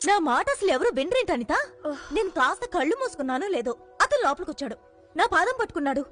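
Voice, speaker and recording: An insistent young camper. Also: female voice, very high-pitched, sing-song, fast talker, fairly bright tone, soft background music, heavily acted. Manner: emphatic, insistent. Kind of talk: Telugu film dub.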